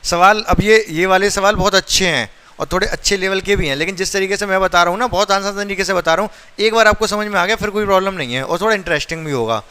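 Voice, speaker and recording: A man's voice: high-pitched, fast talker, few pauses, bright, forceful tone, clean tone. A man teaching a maths lesson in a classroom, who keeps asking his students questions and then answers them himself.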